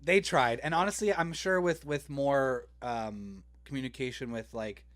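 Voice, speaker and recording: A man's voice: mid-range voice, measured pace, a bit bright. A man co-hosting a podcast in casual chat, self-deprecating, swearing and laughing a lot. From Canada. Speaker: podcast co-host.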